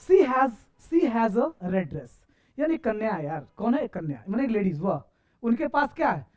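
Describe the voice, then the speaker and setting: A man's voice: sits high, sing-song. A man teaching an English grammar lesson, asking his students questions and answering them himself, calling them sir. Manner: keeps addressing listeners as sir and saahab; stretches out English example sentences slowly.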